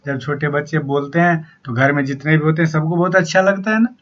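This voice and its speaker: A male teacher explaining a poem to young pupils, reading the verses slowly and then explaining them, often adding a questioning "na". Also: a little high, fairly even intonation. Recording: dull lo-fi sound.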